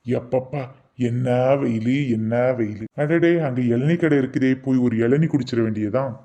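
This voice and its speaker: A man's voice: mid-range voice, moderate pace, mellow, pitched below the performer's own voice, close to an everyday voice. A man voicing a tired old farmer customer who complains about the heat in a comedy skit. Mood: weary. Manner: groaning about the heat, drawling.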